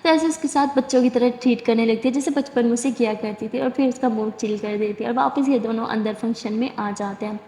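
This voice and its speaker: A woman's voice: a little high, few pauses, warm tone. A woman retelling a serial love story in a casual, chatty way, full of fillers, in a roomy space. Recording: roomy with long reverb.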